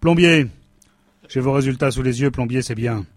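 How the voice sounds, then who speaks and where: A man's voice: mid-range voice, moderate pace, lightly acted. A man playing a smug cynical boss. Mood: smug, sarcastic. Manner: smug, sarcastic, coldly dismissive. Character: cynical male company boss firing his staff. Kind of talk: stage comedy sketch.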